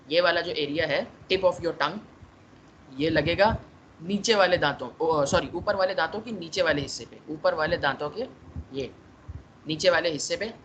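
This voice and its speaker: A man's voice: fairly high pitch, fairly bright tone, muffled recording. Man, tajweed teacher, patient explaining, sounds out letters, faint hiss behind. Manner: explains slowly, demonstrates letter sounds aloud. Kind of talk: online class explanation.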